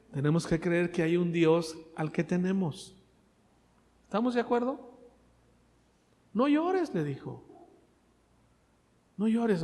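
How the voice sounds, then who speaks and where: A man preaching a sermon, asking the congregation questions and swinging between loud and soft. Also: high voice, big-room sound. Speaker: pastor.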